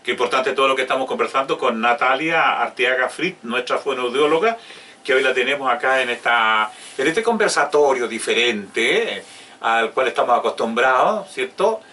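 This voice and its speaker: An older man hosting an interview, speaking haltingly with many fillers and addressing viewers directly. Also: mid-range voice, expressive, bright, forceful tone. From Chile. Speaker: host of community interview. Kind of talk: informal interview. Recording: distant mic with faint ambient noise.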